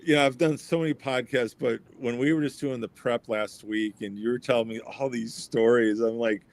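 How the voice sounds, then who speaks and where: A man hosting a podcast, asking school nurses questions in a relaxed conversational way with frequent fillers. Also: medium pitch, moderate pace, dry recording. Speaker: podcast host. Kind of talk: casual interview chat.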